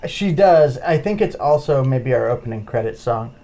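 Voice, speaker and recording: A man co-hosting a casual film review podcast, playful, his volume swinging widely from soft to loud. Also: medium pitch, expressive, normal speed. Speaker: podcast co-host.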